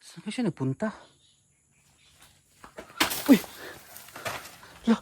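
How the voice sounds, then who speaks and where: A man narrating his ghost-hunting vlog outdoors near an abandoned hut, talking to viewers in hushed, jumpy commentary into a handheld camera mic. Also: high voice, big pitch swings, slow pace, a little hiss or hum. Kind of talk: live exploration vlog commentary.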